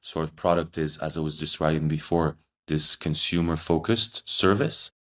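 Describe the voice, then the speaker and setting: Deep-voiced raised man founder. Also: fairly even intonation, fairly bright tone. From Switzerland. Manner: measured, explanatory, occasional fillers. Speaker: startup founder guest. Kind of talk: podcast interview answers.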